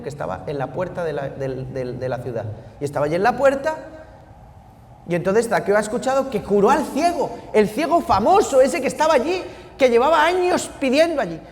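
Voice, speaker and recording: A priest giving an animated sermon that swings between hushed and loud. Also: male voice, sits high, fairly quick, long reverb tail, slight background noise.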